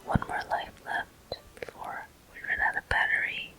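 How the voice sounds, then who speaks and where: This ASMR walkthrough host whispers game commentary near the microphone, pacing each phrase slowly with pauses in between. The sound is pushed and bright, and the recording is low quality.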